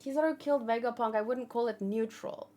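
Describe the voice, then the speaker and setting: Fairly high in pitch but dark in tone, her voice moves fairly quickly. She hosts a manga read-along channel, rambling casually, pondering aloud, and often second-guessing what she says.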